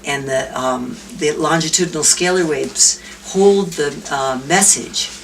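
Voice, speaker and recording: An older woman with a low, cheerful voice tells family stories and jokes at a reunion, laughing easily between lines. She sits some way from the mic, and a faint hum of noise runs underneath. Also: measured pace, recorded from a distance. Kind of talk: casual storytelling with jokes.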